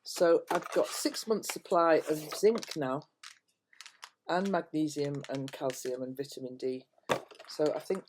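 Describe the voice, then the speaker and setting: An older woman vlogger chats casually to her viewers at home, meandering and hesitant, with phrase endings that trail off softly. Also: sits low, background noise. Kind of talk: casual rambling chat to camera. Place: at home, indoors.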